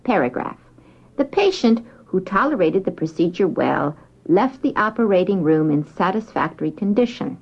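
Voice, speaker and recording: A woman's voice: lowish voice, big pitch swings, moderate pace. A woman giving a formal medical dictation as a surgeon, speaking in a precise, carefully enunciated way. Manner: precise, enunciated, spells out words. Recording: dull lo-fi dictation recording.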